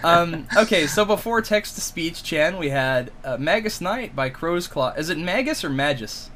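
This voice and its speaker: A man's voice: a little high, animated, moderate pace, a bit bright. A man co-hosting a music podcast with a stuffed-up nose, joking through casual chat. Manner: joking, playful banter. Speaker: podcast co-host.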